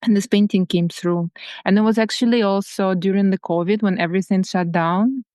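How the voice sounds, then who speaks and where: A woman from Ukraine with a Ukrainian accent, speaking reflectively as a guest in a podcast interview, often repeating words and laughing softly. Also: mid-range voice, fairly even intonation, a little fast, no room sound, studio quality. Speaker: guest artist.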